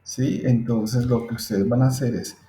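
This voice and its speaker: In a screen-recorded English phonetics lesson, a man with a medium-pitched, warm voice speaks in a level tone at a moderate pace. He patiently explains each step and often checks in with his listeners. The recording has a roomy echo.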